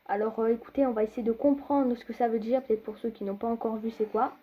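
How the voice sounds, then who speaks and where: A woman's voice: on the high side, steady tone, fast, slightly rough, muffled recording. A young woman rambling through a casual gameplay commentary, talking straight to her viewers with lots of fillers and hesitations. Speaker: gaming video creator.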